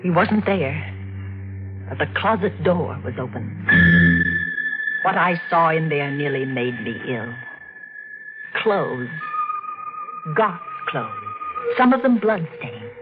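In a 1940s radio suspense drama, a woman plays an anxious but determined wife with dramatic intensity, the mood tense and haunted. Her deep voice is sing-song and exaggerated, moving slowly with long pauses. The vintage radio recording is dull and includes music.

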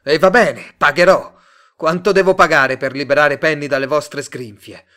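A man reading a story aloud, voicing an agitated young man desperate in love who pleads and shouts. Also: mid-range voice, big pitch swings, moderate pace. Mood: shouting.

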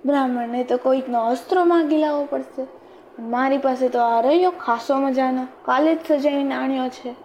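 A woman's voice: high voice, darkish tone, slight background noise, natural voice. A woman voicing a foolish, boastful village barber in a storybook tale, sounding smug and sure of himself.

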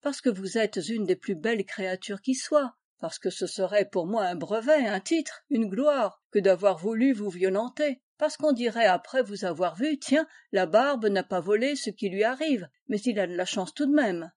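An ardent young suitor pouring out his pleas in a storybook, read by a woman. The delivery is earnest and impassioned, in a mellow voice recorded dry and close. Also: medium pitch, expressive, moderate pace, few pauses, dry recording, natural voice. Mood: pleading.

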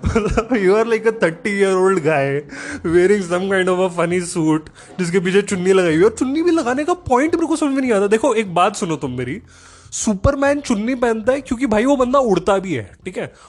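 A man delivering a sarcastic, animated comedic rant, peppered with swearing and quick asides. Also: high voice.

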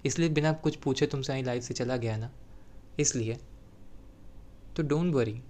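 An eager, flustered young man, acted out by a male storyteller reassures his partner with hurried, affectionate lines. His voice jumps higher when he gets excited. The pitch is otherwise an ordinary middle register. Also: close to an everyday voice. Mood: reassuring. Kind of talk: storytelling role-play.

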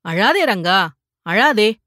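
A woman voicing a frail old uncle who is gentle and forgiving, in an audiobook reading. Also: medium pitch, sing-song, takes it slowly, dry recording, studio quality, exaggerated voice. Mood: tender. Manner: gentle, consoling.

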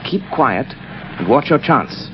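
An actor playing a commanding, composed gentleman crime-fighter in crisp, authoritative old-time radio drama style. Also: medium pitch, very animated, a little slow. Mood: grave, commanding. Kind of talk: 1930s radio acting. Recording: dull noisy vintage radio recording.

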